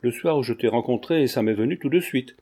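A man reading a sly, teasing gentleman. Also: mid-range voice, a little fast, husky, close to an everyday voice. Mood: mocking. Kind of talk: audiobook character reading.

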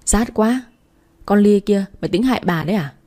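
A woman's voice: medium pitch, animated, moderate pace, mellow, lightly acted. A woman reading as a grumpy scolding old grandmother. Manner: scolding, complaining.

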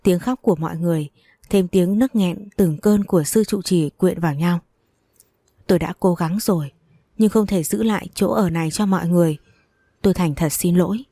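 A woman's voice: lowish voice, normal speed, dark tone, no echo, clean studio sound. A woman narrating a first-person story audiobook in an earnest, emotional way.

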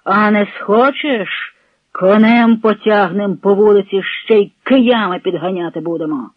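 A man voicing a coarse henchman barking slow threats. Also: high voice, no echo, muffled recording. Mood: brutal. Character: brutal male henchman, coarse.

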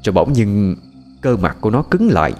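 A man narrating a ghost story in a lively, expressive way. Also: fairly low pitch, a little fast. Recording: faint music and night crickets behind.

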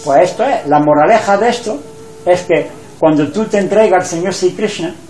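Guy telling a devotional tale, folksy and lively, kinda high voice, echoey room. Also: moderate pace, soft background music. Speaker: spiritual teacher. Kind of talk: devotional storytelling. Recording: roomy echo.

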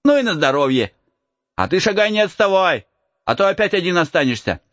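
A man's voice: sits high, big pitch swings, fairly quick, fairly bright tone, dry recording, dull audio, pitched above the performer's own voice. A man voicing a cheeky runaway boy from the woods who teases and cackles in a raised voice. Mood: teasing. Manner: teasing, cackling, folksy. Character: mocking cheeky forest boy, laughing runaway.

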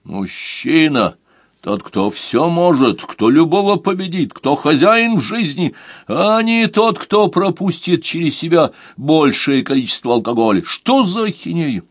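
A man's voice: fairly high pitch, sing-song, unhurried, no room sound, clean studio sound, voice pushed up, exaggerated voice. A man doing a blunt, mocking tough guy. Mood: scornful. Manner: mocking, commanding. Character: tough, scornful older man, blunt mentor.

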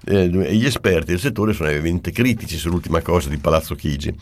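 A man's voice: sits low, quick pace. A man co-hosting a radio press review, making sardonic, dismissive remarks. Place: radio studio.

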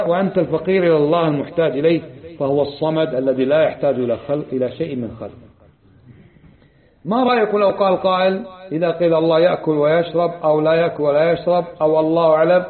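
A man's voice: on the high side, very fast. A man teaching a lesson on Islamic creed, quizzing his audience with rhetorical questions in a conversational way. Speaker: religious teacher. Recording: tinny lo-fi lecture recording.

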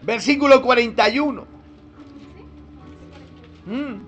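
A man pastor preaching a sermon in a lively, humorous way, full of rhetorical questions. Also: extremely high pitch, slow pace, husky, faint music behind.

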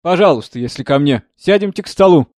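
A man voicing a prickly, worn-out young woman who sings with a harp in a tavern, speaking in a shrill, scolding way. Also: lively intonation, fast, a little mellow, no room sound, studio quality, lightly acted. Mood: tired, curt.

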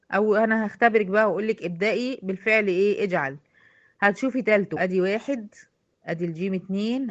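A woman's voice: mid-range voice, a bit bright, dull audio. A woman with an Egyptian accent teaching a recitation lesson, patiently quizzing her female students step by step. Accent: Egyptian Arabic.

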